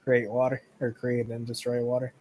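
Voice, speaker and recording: A man's voice: medium pitch, completely flat delivery, normal speed, a little mellow, low-quality recording. A man playing a tabletop game, matter-of-fact as he explains his spell. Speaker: player. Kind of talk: casual table talk.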